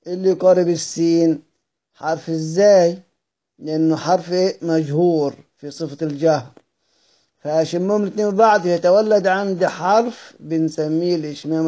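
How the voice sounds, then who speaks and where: A man with an Egyptian accent teaches a study circle on Quran readings. His voice sits fairly high but sounds soft and mellow. He keeps posing questions to himself and answering them, restating each point. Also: fairly even intonation, brisk. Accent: Egyptian Arabic. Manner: asks himself questions and answers them, repeating key phrases.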